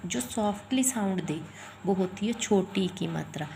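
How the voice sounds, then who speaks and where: A woman's voice: medium pitch, moderate pace, gravelly, warm tone, a little hiss or hum. A woman teaching Hindi vowel signs, spelling words out sound by sound and repeating them patiently. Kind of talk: explaining letters and vowel signs.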